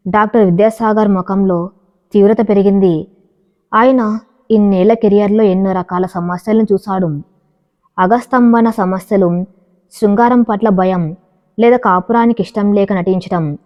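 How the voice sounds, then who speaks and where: A woman narrating a dramatic story in a steady, even storytelling voice. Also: mid-range voice. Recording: dull, reverberant recording.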